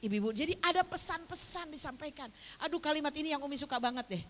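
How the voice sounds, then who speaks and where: A woman's voice: high voice, fast. Older woman preacher in a reverberant hall. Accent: Indonesian. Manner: animated, acts out the voices of her story. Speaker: religious teacher. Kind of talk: storytelling religious lecture. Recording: hall reverb with faint hiss.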